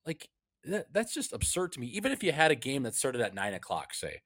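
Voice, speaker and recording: Casting: male sports podcast host, frat-bro energy, sweary and slangy, mid-pitched, close dry sound. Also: big pitch swings, a little fast, fairly bright tone, breathy edge, no room sound. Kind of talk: casual sports podcast banter.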